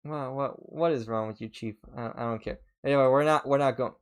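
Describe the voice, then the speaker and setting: A male streamer reacting to videos in loose, excitable chat. He swears freely and trips over himself, restarting sentences as he rambles at a mid pitch. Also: fairly quick, clean tone.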